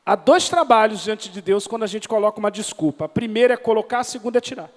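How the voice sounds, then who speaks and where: High-voiced pastor preaching. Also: male voice, lively intonation, big-room sound. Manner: calls for congregation responses, reads scripture slowly. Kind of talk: sermon. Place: church.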